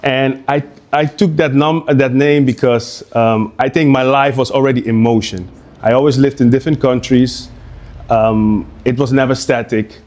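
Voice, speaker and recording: A man from Curaçao giving an informal live talk as a guest speaker at an art exhibition. He speaks in a halting, conversational way and often restarts his sentences. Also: medium pitch, fairly even intonation, darkish tone.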